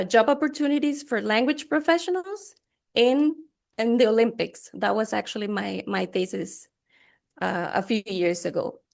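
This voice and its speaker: A woman's voice: fairly high pitch, vocal fry. A middle-aged woman from Rica, chatting enthusiastically as a guest at a conference. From Costa Rica. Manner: enthusiastic, chatty, laughs easily. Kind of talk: conversational interview answer.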